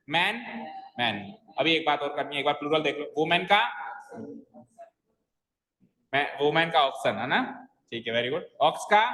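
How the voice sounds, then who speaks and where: Guy teaching grammar in class, fairly high bright voice, keeps quizzing the kids, roomy echo. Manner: explains step by step, quizzing students with questions. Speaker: English teacher. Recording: echoey classroom with long reverb.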